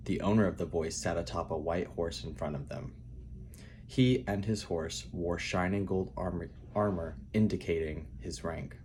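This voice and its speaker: A man speaking softly and calmly as he reads his own fantasy writing aloud in a quiet narrating style. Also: deep voice, normal speed, a little hiss or hum. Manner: quiet, calm, soft-spoken reading. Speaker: writer reading own novel aloud.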